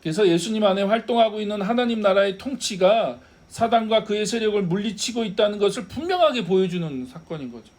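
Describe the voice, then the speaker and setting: A man's voice: high-pitched, lively intonation, brisk, hardly any pauses, darkish tone. A male pastor preaching a Sunday sermon, asking the congregation rhetorical questions and laughing now and then.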